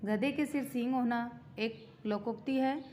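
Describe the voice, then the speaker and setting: A woman's voice: on the high side, measured pace, mellow, a little hiss or hum. A woman teacher reading a school play aloud and stopping to explain its words in simple terms for young students. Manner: reads each character's lines, stopping to explain words simply.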